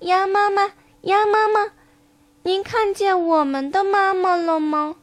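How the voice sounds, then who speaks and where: A woman's voice: fairly even intonation, measured pace. A woman doing piping little tadpole voices. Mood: eager. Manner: high, calling, childlike. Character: chorus of eager little tadpoles, small and young.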